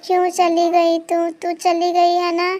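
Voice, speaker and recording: A woman voicing a gentle, mistreated young girl in a cartoon story, pleading and tearful. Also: very high-pitched, monotone, slow pace, faint music behind. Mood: sad pleading.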